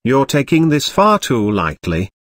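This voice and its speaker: A man reading the lines of a cold, stern senior woman realm master in a measured voice. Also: mid-range voice, wildly swooping pitch, a bit bright, no room sound, studio quality, heavily acted.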